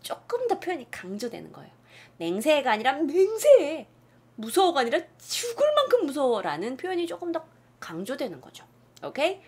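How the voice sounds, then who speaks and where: Animated woman teaching in a video lesson. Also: moderate pace. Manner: lively, acts out example lines with big pitch jumps; drops to a whisper for asides. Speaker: English teacher.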